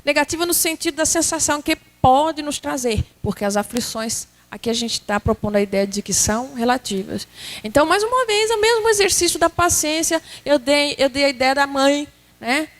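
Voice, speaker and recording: A woman with a Brazilian Portuguese accent giving a spiritist talk, telling stories lively and acting out everyday scenes. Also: sits high, a little fast. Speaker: spiritist lecturer.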